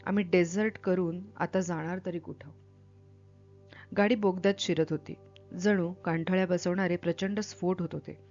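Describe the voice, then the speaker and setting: A woman with a lowish voice reads a novel aloud in an expressive, dramatic way. She works as a literature teacher explaining the passage. The recording sounds dull and lo-fi, with faint music underneath. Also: normal speed. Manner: expressive, dramatic reading with raised outbursts.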